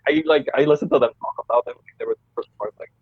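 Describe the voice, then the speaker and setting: A young man from the Philippines co-hosting a podcast, chatting in a relaxed way with chuckles and trailing asides. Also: medium pitch, racing, dry recording. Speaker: podcast co-host. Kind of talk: casual chat. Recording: muffled online call line.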